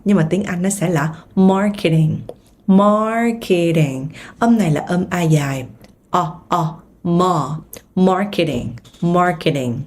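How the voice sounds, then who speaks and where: A woman whose first language is Vietnamese, teaching English pronunciation in a slow, clear lesson and repeating words syllable by syllable. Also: on the low side, warm tone.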